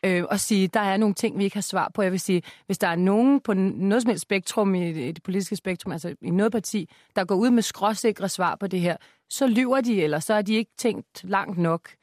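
A woman's voice: mid-range voice, darkish tone, dry recording, studio quality. Earnest woman arguing as a radio guest. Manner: measured, earnest arguing with fillers. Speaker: guest author. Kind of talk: radio debate. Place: radio studio.

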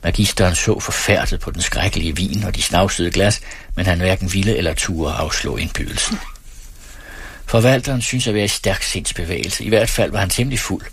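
A man narrating an audiobook in a steady, even storytelling manner, close to the mic. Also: sits low, slightly rough, dry recording.

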